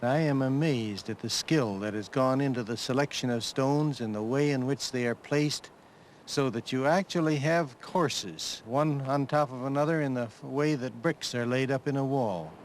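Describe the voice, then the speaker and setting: A man's voice: medium pitch, normal speed, a little hiss or hum, rough recording. Earnest male archaeologist explaining on site.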